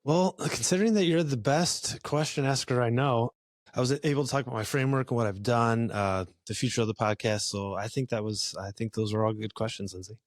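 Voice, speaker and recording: A man's voice: mid-range voice, fairly quick, dry recording, clean studio sound. A man hosting a podcast, chatting casually in an easygoing way with lots of fillers and restarts. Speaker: podcast host. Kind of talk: casual conversation.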